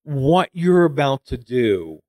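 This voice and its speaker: A man's voice: mid-range voice, sing-song, slow, darkish tone, no room sound. A man co-hosting a casual movie review chat, rambling and critical with lots of fillers.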